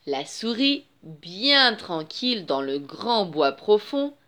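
Woman calmly narrating a storybook. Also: medium pitch, takes it slowly. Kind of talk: reading a picture book aloud.

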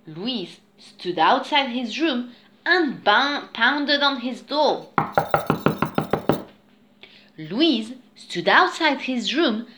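Slow, animated woman reading a storybook. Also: on the high side, slight background noise. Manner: slow, expressive, singsong storytelling. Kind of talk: children's storybook read-aloud.

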